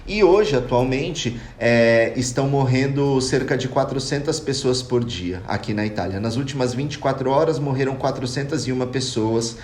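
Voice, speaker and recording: Speaking at a moderate pace with hardly any pauses, this young Brazilian expat has a mid-range, darkish voice. He chats casually on a podcast, earnest and reflective, calling his listeners "cara," while the echoey room carries faint noise.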